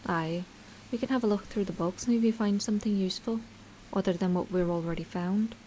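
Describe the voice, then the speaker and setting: A woman's voice: mid-range voice, fairly quick, warm tone, a little hiss or hum, poor audio. A woman playing a tabletop game, speaking in a plainspoken, musing way. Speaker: player. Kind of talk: casual tabletop play.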